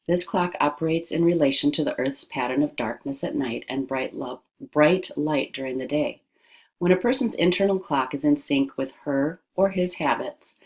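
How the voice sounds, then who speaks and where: A low-voiced woman reads an informational passage from a script, sounding like an educational narrator. She pronounces every word carefully and deliberately.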